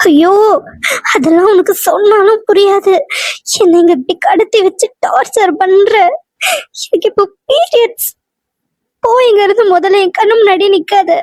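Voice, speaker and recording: A woman's voice: very high-pitched, moderate pace, a little mellow, dry recording. A woman voicing a kidnapped young woman in a cartoon serial, crying and snapping at her captor. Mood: tearful. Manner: sobbing, snapping, complaining. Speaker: cartoon character.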